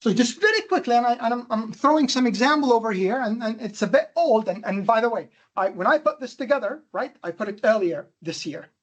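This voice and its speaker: A man from Jordan with a Jordanian accent giving a classroom lecture, animated and emphatic, firing questions at his students. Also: very high voice, a little fast, hardly any pauses. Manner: animated, emphatic, quizzing the audience with rhetorical questions. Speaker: university lecturer.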